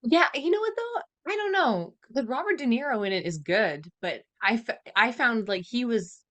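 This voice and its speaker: A woman's voice: a little high, animated, normal speed, fairly bright tone. A woman hosting a podcast, chatting casually in a rambling way full of fillers. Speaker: podcast host. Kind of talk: casual chat.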